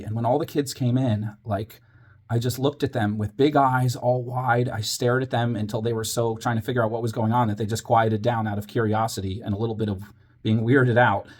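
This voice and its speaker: A man's voice: medium pitch, fairly quick. A man telling a story from his years as a teacher, dramatizing it with whispers and quoted voices. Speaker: former teacher, channel host. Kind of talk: personal storytelling monologue.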